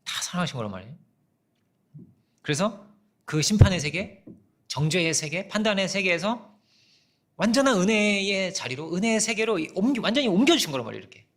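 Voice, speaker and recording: Animated conversational man preaching. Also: high-pitched, fairly quick, long pauses. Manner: animated, conversational, asks the congregation questions. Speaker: pastor. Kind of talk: sermon.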